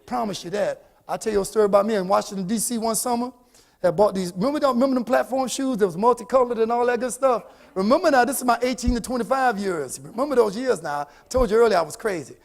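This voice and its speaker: Motivational speaker, middle-aged man, high gravelly voice, call-and-response preacher energy. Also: quick pace. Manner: call-and-response, preachy, swings from hushed to shouting. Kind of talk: motivational talk to a live audience.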